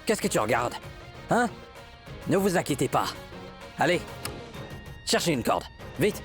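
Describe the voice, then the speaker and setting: A man's voice: fairly high pitch, big pitch swings, a little slow, soft background music. An actor dubbing a petulant, boastful young male celebrity cricketer in a French series, whiny and self-important. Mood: indignant. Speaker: dubbed character.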